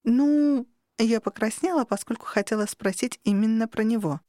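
A woman narrating an audiobook in the first person, with lively, wry storytelling. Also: on the high side, a little fast, no room sound, clean studio sound.

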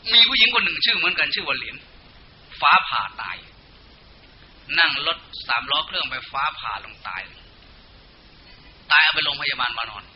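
Isan-accented monk giving a folksy sermon. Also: male voice, a little high. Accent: northeastern Thai (Isan). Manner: storytelling with folksy asides. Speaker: Buddhist monk. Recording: dull lo-fi recording with faint hiss.

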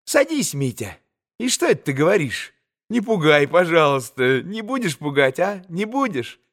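A man voicing a young woman who teases and coaxes softly in a classic audiobook reading. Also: a little high, sing-song, moderate pace. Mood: coaxing. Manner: teasing, coaxing, soft. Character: young woman, teasing yet uneasy, coaxing.

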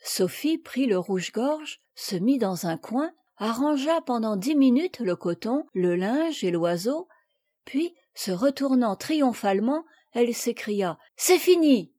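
An audiobook reader, a woman with a fairly high, mellow voice, narrates a classic children's novel in an unhurried, animated way. She gives each of several girls a distinct voice of her own. The scripted narration is recorded dry with clean studio quality.

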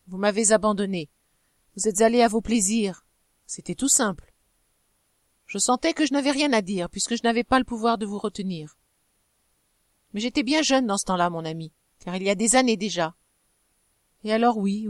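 A woman voicing a young wife from an old novel, pleading earnestly with her angry husband in a lifted, animated voice. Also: medium pitch, dry recording, clean studio sound, lightly acted.

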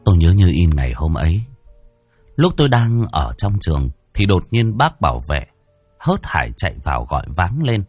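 A man's voice: deep voice, very animated, normal speed, a little mellow, no echo, faint music behind. A man narrating a first-person ghost story dramatically.

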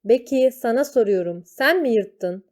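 A woman's voice: medium pitch, expressive, a little slow, natural voice. A woman voicing a stern, angry male schoolteacher who demands answers from his class. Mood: demanding. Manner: loud, demanding interrogation.

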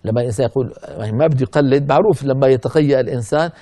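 A man teaching the rules of Quran recitation in a gentle, instructive way. His voice is mellow and dark, and now and then he stretches words out slowly to show a mistake. The sound is dry, with no room echo. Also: medium pitch. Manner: demonstrates recitation errors by drawing out words slowly; addresses listeners as brothers, gentle and instructive. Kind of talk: explaining Arabic verse on Quran recitation.

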